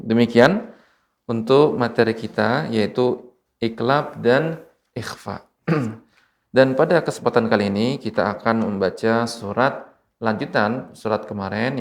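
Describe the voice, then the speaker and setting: A man from Indonesia teaching Quran recitation rules on television, speaking slowly and patiently and repeating each example word. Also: mid-range voice. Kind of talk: televised tajwid lesson. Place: TV studio.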